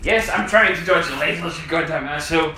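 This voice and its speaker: A young man giving loud, sweary commentary while playing a VR shooter, taunting the enemies and getting out of breath. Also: a little high, a little fast. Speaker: gaming video creator. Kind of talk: excited gameplay commentary. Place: room while playing a VR game. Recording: roomy, distant mic, game music behind.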